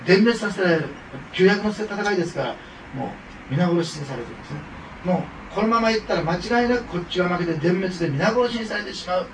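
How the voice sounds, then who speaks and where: Fast and lively in intonation, the pastor's high voice carries a conversational sermon with frequent fillers and asides. The recording comes from a distant mic in an echoey church hall, with slight background noise.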